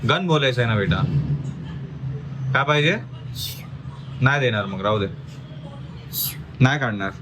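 A man's voice: medium pitch, animated, measured pace, noisy background. A man vlogging at home, playfully coaxing his small daughter to say words and cheering her on. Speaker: vlogger and father. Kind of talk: casual family chat.

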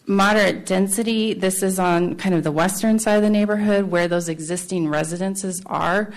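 A woman giving a formal, explanatory staff presentation at a public meeting, speaking haltingly with a creaky voice. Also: mid-range voice, steady tone. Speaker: city planning staff presenter.

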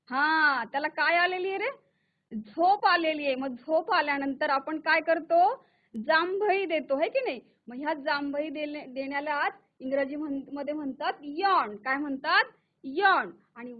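A woman teaching English to young children, speaking slowly and patiently, asking questions and praising the class. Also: sits high. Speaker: primary school English teacher. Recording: tinny phone-like audio.

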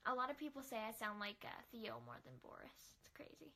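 A woman's voice: on the high side, big pitch swings, brisk, bright, forceful tone. A young woman in casual livestream chat, recorded on a phone at arm's length in a room at home. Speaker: livestreamer acting out film scenes. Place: small room at home, indoors.

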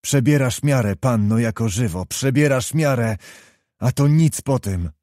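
A man's voice: mid-range voice, lively intonation, unhurried, warm tone, dry recording, studio quality, natural voice. Man reading as a proud, hot-tempered young nobleman. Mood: bitter. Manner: vehement, reproachful pleading.

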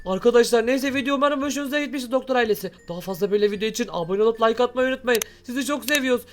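A man's voice: extremely high pitch, racing. A man hosting Minecraft role-play commentary in an exclamatory way, urgently repeating his phrases. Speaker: host of a gaming channel.

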